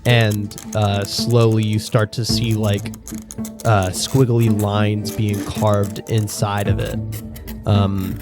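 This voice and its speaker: A man improvising tabletop game narration as game master, haltingly searching for his words. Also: lowish voice, little pitch movement. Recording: loud plucked guitar music behind.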